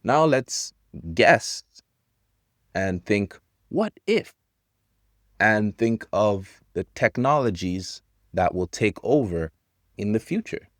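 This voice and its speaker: A man in his thirties teaching English to learners, talking about technology in slow, simple sentences with pauses. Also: fairly low pitch, lively intonation, dry recording, clean studio sound. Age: 30s.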